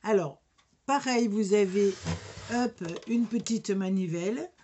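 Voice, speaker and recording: A woman with a regional French accent walks through a crafting demo at an unhurried pace, stopping often for fillers and restarts. Her voice sits at a middle pitch, with a faint hiss in the background. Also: dark tone. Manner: hesitant, many fillers and restarts. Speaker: crafting demonstrator. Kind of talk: casual product demonstration.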